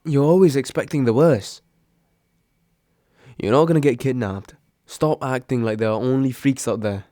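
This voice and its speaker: A young man with a warm, mid-range voice and a natural delivery speaks at a moderate pace in a dry, clean studio recording. In an intimate roleplay audio drama, he plays a grumpy, sarcastic roommate who secretly cares and has been woken from sleep, grumbling and sighing with annoyance on one side of a phone call.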